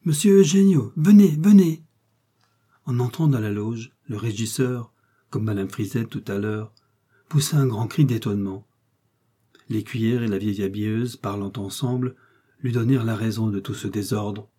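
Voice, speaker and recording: A man reading a serial novel aloud, raising his voice for excited characters in the dialogue. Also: lowish voice, normal speed, slightly rough. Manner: lively dialogue reading, voice rising for agitated characters. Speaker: audiobook reader. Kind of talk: scripted narration of a serial novel.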